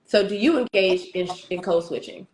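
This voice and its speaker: A woman's voice: medium pitch, moderate pace, a little mellow, echoey room, low-quality recording. A woman hosting a casual conversation, asking questions and reading prompt cards aloud. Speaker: host.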